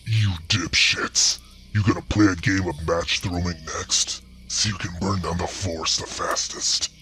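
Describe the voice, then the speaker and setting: A man growling as a raspy old bear, low and menacing. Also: fairly even intonation, measured pace, bright, forceful tone. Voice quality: rough and raspy. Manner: snarling, threatening, low growl. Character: gruff old ragged male bear, menacing.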